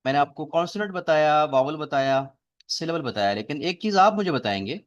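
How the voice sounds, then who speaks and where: A man's voice: a little high, expressive, brisk, muffled recording. Man teaching a class. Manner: explains step by step, quizzes students. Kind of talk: classroom lecture. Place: classroom with students.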